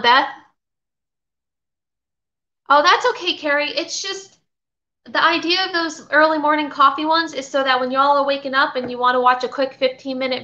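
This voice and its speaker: A high, sharp-toned woman's voice belongs to a middle-aged vintage seller from Florida. She's hosting a relaxed live haul in her home kitchen, wandering between topics and reading comments from viewers. Captured by a desk webcam, the recording is lo-fi and slightly dull.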